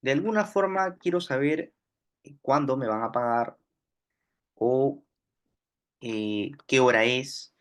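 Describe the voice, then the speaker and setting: Man, Peruvian accent, grammar teacher, patient explaining, repeats examples, mid-pitched voice. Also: takes it slowly, pauses often, a bit bright, clean tone. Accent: Peruvian Spanish. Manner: patient, repeats examples, many "eh" fillers and tag "¿no?". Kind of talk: grammar lesson explaining on screen.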